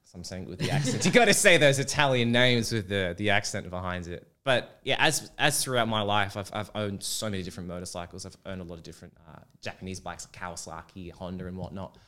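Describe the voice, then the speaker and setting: A man with a bright, forceful voice sitting in for a casual interview. He tells long anecdotes in a joking, self-mocking way. His pitch sits a little low for a man. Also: fast talker, hardly any pauses.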